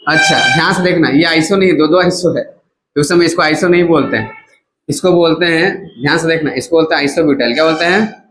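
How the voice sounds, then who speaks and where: A man's voice: a little high, a little fast, fairly bright tone, rough recording. A male chemistry teacher giving a casual classroom lecture who keeps asking his students to repeat each term back to him. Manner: casual, coaxing teacher talk.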